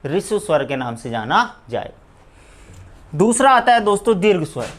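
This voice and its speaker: Male teacher with a Rajasthani Hindi accent, running a live exam-prep class, answers his own questions and dictates slowly. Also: high voice, big pitch swings. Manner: asks questions then answers them himself; repeats "दोस्तों" often. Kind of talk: live online grammar class.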